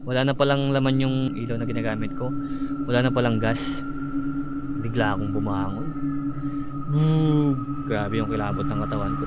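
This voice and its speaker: Casual man telling a scary story. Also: medium pitch. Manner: casual, halting, acts out his own shouts. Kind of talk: personal horror story telling. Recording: slightly dull audio with clear background noise.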